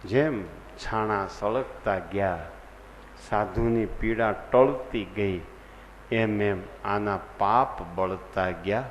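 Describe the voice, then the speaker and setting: A man's voice: lowish voice, extremely slow, highs cut off. A man preaching a devotional sermon and telling a story with earnest feeling. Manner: earnest storytelling, acting out the people in his story. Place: large assembly hall. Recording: long hall reverb, faint background noise.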